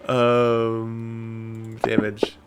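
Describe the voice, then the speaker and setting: A man playing a tabletop game, talking through his character's actions and breaking into shouted in-character lines. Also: lowish voice, very slow, clear, resonant tone, faint music behind. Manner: animated, bursts into shouted in-character yelling. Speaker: player.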